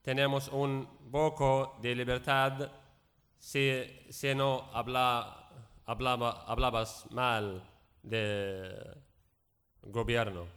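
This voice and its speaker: A man from Syria, a native Arabic speaker with a Syrian accent, giving public testimony as a guest speaker in halting, broken speech with repeated words and searching pauses. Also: mid-range voice, little pitch movement, a bit bright, clean tone. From Raqqa region, Syria. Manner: halting, broken Spanish with frequent repetitions and word searching.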